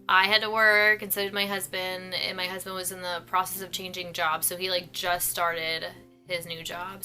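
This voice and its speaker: A young woman talks casually to camera from home, rambling and self-deprecating. Her voice is bright and clear, and faint music plays quietly behind her. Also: medium pitch. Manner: rambling, self-deprecating, lots of fillers and laughs. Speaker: vlogger.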